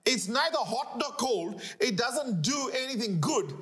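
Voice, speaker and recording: Animated high-voiced preacher man. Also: a little slow. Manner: animated, emphatic, repeats key phrases. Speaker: pastor. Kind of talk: Bible teaching on a talk show. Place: living-room studio set, indoors.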